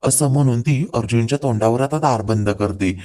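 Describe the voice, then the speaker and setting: A man narrating a plot recap, retelling the scenes in a steady storytelling flow. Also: medium pitch, fairly quick.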